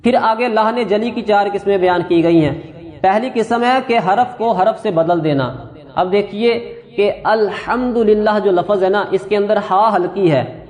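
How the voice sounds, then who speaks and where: A man's voice: high-pitched, darkish tone. A man teaching religious rules on prayer and correct recitation, explaining step by step and repeating his points. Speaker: qari teaching Quran recitation. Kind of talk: religious lesson on prayer and tajweed. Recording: echoey hall reverb.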